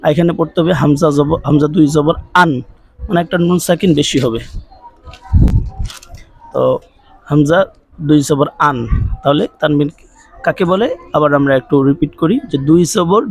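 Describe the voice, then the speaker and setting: A man's voice: a little high, steady tone, moderate pace, creaky, pauses often, a little mellow, slightly rough, no echo, poor audio. Patient man drilling recitation syllables. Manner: repetitive drilling of syllables, rising on recaps; patient, asks listeners to repeat after him. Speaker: Quran recitation teacher. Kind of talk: recorded online class.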